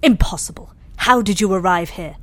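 A woman's voice: mid-range voice, dry recording, close to an everyday voice. Woman as condescending, menacing alien interrogator. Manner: measured, condescending. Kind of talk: sci-fi audio drama acting.

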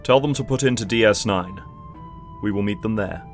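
A male actor plays a starship captain in a sci-fi audio drama. His voice is fairly low, steady and wry, with music playing underneath. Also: moderate pace, lightly acted. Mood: wry, commanding.

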